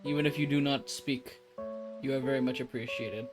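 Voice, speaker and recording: A man's voice: mid-range voice, steady tone, fairly quick, music in the background. A man in his thirties chatting casually on a live stream, rambling and laid-back with lots of fillers.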